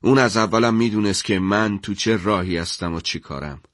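A calm, unshaken political prisoner answering back, as a man voices him in a radio story. His voice sits fairly low and stays even. The sound is dry and close. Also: dry recording, lightly acted. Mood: calm, defiant.

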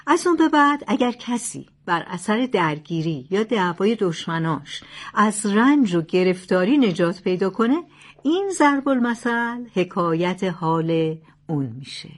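A woman narrates old proverb tales in a clear, measured reading voice. Her pitch sits in an ordinary middle range. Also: sing-song.

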